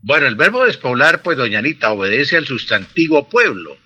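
A man's voice: mid-range voice, sing-song, fairly quick, pushed and bright, husky, dull audio. A man, explaining pronunciation and grammar in a precise, teacherly way on a radio language segment. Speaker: language expert answering listener questions.

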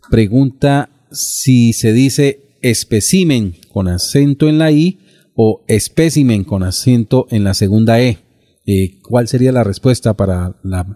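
A radio host with a low, warm, mellow voice. He reads listeners' questions in a polite, formal manner, with frequent hesitations and fillers. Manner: courteous, formal, many fillers. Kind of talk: radio segment hosting.

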